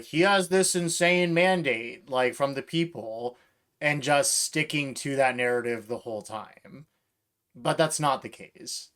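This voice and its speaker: A man's voice: medium pitch, a bit bright. A man co-hosting a podcast, arguing politics in a wry, casual way with dry asides. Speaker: podcast co-host.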